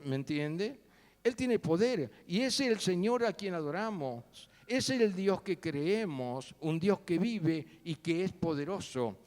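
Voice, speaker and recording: Lively preacher in echoing church. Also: male voice, fairly high pitch. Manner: animated storytelling with sudden loud and soft turns. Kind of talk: sermon. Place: church sanctuary. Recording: long church hall reverb.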